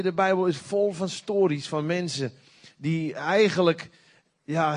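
Animated preacher man. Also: sits high. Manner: animated, folksy preaching with sudden loud outbursts. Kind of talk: sermon.

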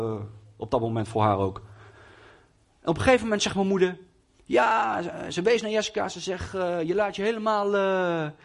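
A young man preaching in Dutch, telling a personal testimony in a hesitant way with many fillers and restarts. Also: on the high side. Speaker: lay preacher.

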